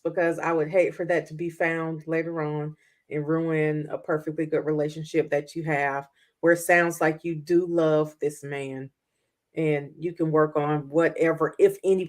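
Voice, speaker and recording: A woman co-hosting a talk show as a therapist, giving frank, informal advice in a conversational way. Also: sits low.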